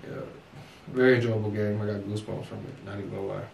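A man's voice: lowish voice, level tone, quick pace, gravelly, a little mellow, a little hiss or hum. Rambling young man in an echoey room. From United States. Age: young adult. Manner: rambling, lots of restarts and "like". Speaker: co-host. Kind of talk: casual sports recap chat. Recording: roomy echo, distant mic, faint music.

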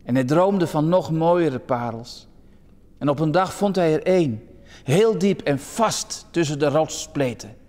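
A man reading out the part of an old, humble pearl diver in an earnest, slow and deliberate way, in a sermon anecdote. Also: on the high side, expressive, a little mellow. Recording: long church reverb.

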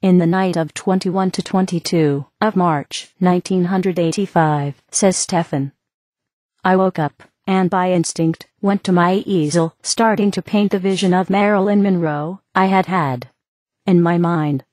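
A woman giving a measured, even scripted narration of a fantasy story. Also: fairly low pitch, dry recording.

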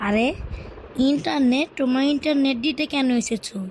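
A woman's voice: sits high, fairly quick, a little mellow, a little hiss or hum. A woman voicing an exasperated, scolding female interviewer. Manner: scolding, impatient. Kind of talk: comic cartoon dub.

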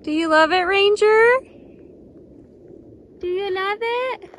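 A young woman in her twenties speaks in a very high-pitched, slow voice with a fairly bright tone, and there's slight background noise. She's chatty and enthusiastic, holding her phone at arm's length outdoors for casual vlog narration. The clip moves between the desert and a shop.

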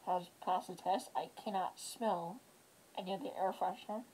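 A woman's voice: fairly low pitch, steady tone, measured pace, mellow, a little hiss or hum, poor audio. Woman talking through a gas mask. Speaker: vlogger. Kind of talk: casual show-and-tell.

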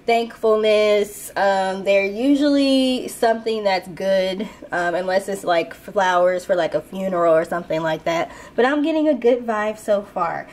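A woman's voice: medium pitch, a little mellow. A woman with a blocked, stuffed-up nose from a sinus infection, giving a casual tarot card reading. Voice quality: congested, blocked-nose sound. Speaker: tarot reader and channel host.

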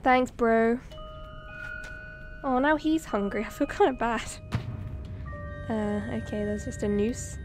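A woman's voice: on the high side, slow pace, long pauses, over music. A woman streaming a horror game with casual commentary, sounding jumpy and scared and swearing as she reacts.

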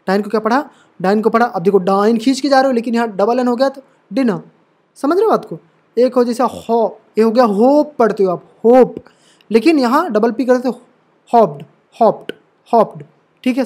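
A man teaching English pronunciation rules at a board, explaining patiently and repeating himself often to check that students follow. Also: extremely high pitch. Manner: calls viewers brother and dear. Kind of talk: classroom lesson at a board.

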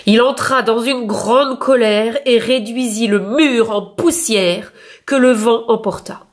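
A woman reading a picture book aloud for young children with clear, expressive storytelling. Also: on the high side, takes it slowly.

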